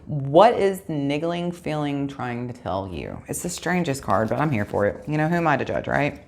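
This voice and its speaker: Woman tarot reader, low gravelly voice, chatty and direct with viewers, casual. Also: sing-song, moderate pace, darkish tone, a little hiss or hum. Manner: chatty, talks straight to viewers, corrects herself aloud.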